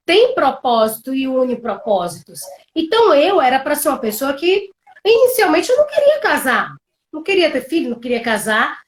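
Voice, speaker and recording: High-voiced woman telling a family story. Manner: animated, dramatic retelling of family drama. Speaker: co-host of a couples live stream. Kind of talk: casual storytelling.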